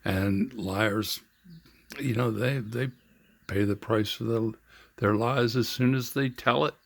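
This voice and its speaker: An older man telling his own story in an earnest, halting way, with frequent pauses and fillers. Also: lowish voice, creaky. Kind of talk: reflective personal storytelling.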